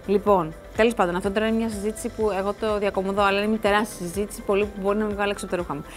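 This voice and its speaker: A woman hosts a TV program in a studio, talking informally to camera and drifting through asides and restarts. Her voice is mid-range with fairly even intonation, over soft background music.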